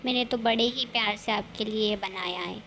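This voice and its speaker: A woman voicing a gentle, put-upon young wife in a cartoon story. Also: medium pitch, brisk, slight background noise. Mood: pleading. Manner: pleading, gentle.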